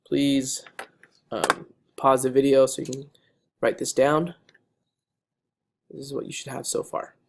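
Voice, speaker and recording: A man's voice: medium pitch, level tone, measured pace, pauses often. A male teacher who is losing his voice, patiently talking students through digital math notes on a screen recording and checking in with frequent okays.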